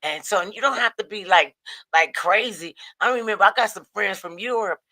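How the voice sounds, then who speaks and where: Bright, storytelling middle-aged woman. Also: mid-range voice, moderate pace, no echo. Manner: storytelling, animated quoting, frequent restarts. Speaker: co-host. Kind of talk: casual chat.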